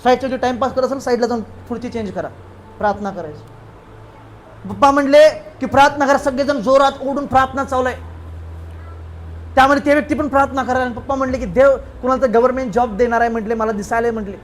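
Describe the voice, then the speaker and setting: A male pastor with a Marathi accent preaches a sermon in a church hall, speaking fast in a very high, steady voice. He is emphatic and calls out hallelujahs with the congregation. A little hiss or hum can be heard.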